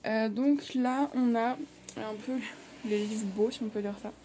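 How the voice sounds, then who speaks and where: A young woman talks casually into her phone at home, rambling with frequent hesitations. Her voice sits fairly high but stays flat in tone, with a soft, mellow colour. A faint hiss runs underneath. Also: unhurried. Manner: chatty, lots of hesitation fillers. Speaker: vlogger. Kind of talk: casual bookshelf tour.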